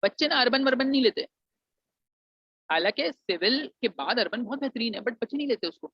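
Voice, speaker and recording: A man's voice: very high voice, lively intonation, brisk, slightly rough, no echo. A man from Pakistan, advising students on engineering admissions and mixing English phrases into his talk. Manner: mixes English phrases into Urdu, calls students "beta". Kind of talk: explanatory lesson to students. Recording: dull, dry lo-fi recording.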